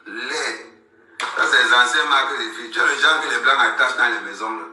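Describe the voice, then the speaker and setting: A man from Cameroon hosting a live stream, loud and mocking, repeating his lines. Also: mid-range voice, fairly quick. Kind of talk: heated casual live stream chat. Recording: roomy sound, a bit far from the mic, faint background hum.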